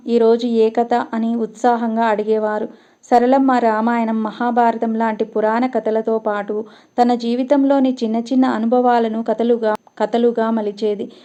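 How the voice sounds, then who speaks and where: A woman narrating a scripted family story in a steady, measured reading, with a dull lo-fi sound. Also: a little high.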